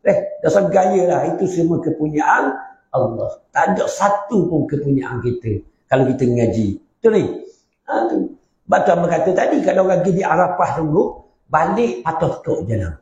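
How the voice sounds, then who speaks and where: A man giving a religious class, humorous and animated, often checking with questions to the class. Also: on the high side, moderate pace. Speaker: religious teacher. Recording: roomy, slightly dull recording.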